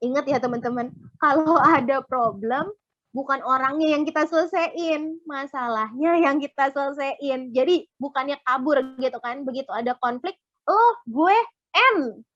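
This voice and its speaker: High-voiced young woman giving a chatty sermon. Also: steady tone, moderate pace, no echo, lo-fi sound. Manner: chatty, keeps addressing listeners as friends, acts out little quoted dialogues. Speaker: speaker at a community worship service. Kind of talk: casual youth sermon.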